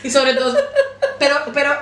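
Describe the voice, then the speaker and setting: A woman's voice: sits high, sing-song, moderate pace, a bit bright. A young woman with a Venezuelan accent in casual chat, playful and crude, full of slang and mocking voices. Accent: Venezuelan Spanish. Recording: echoey room with faint noise.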